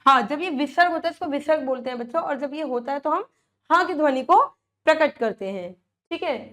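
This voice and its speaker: A woman's voice: high-pitched, lively intonation, fairly bright tone. A woman teaching a Hindi lesson to young children, patiently checking in with questions and stretching out words to model how they sound. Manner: draws out words slowly to model pronunciation.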